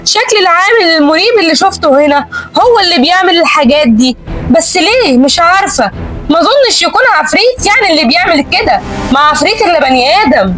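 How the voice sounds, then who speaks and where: A woman's voice: extremely high pitch, animated, fast, fairly bright tone, pitched above the performer's own voice, rough recording. A woman with an Egyptian Arabic accent voicing an anxious but composed young female journalist in a horror story. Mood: frightened, composed. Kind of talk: dramatic horror story character acting.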